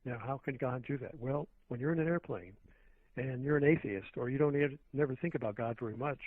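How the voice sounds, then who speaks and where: A man's voice: mid-range voice, a little fast, dry recording. A man calling in as a radio show guest, rambling on and on with plenty of fillers and restarts. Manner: meandering, with many fillers and restarts. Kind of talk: rambling phone-in conversation. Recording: tinny phone line.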